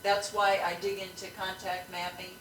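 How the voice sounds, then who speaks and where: A woman's voice: mid-range voice, flat delivery, normal speed, echoey room, far from the mic, background noise. A woman guest in casual chat, agreeable and chatty. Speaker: podcast guest.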